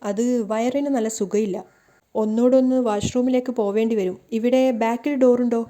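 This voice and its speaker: Woman doing a sly nervous cheat, stammers and dodges, soft mellow tone. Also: fairly high pitch, steady tone, normal speed, close to an everyday voice. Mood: evasive. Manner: stammering, evasive. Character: nervous sly cheating young man, Manohar.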